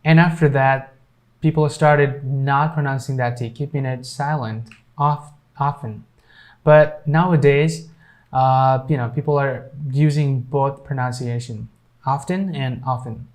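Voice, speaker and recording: A man teaching English pronunciation in a casual screen-share lesson, with a mid-pitched voice. He hesitates often with ums and uhs. He says each example sentence twice, slowly, for the learner. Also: steady tone, darkish tone.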